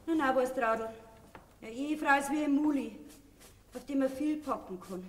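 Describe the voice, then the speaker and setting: Lady acting as a fed-up bavarian farm wife, very high voice, far off on a stage. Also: moderate pace, slight background noise, natural voice. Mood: lecturing. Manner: scolding, indignant, loud. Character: fed-up middle-aged farm wife and mother, scolding. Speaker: stage actor. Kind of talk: folk theater comedy acting. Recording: stage recording from far off, hall reverb.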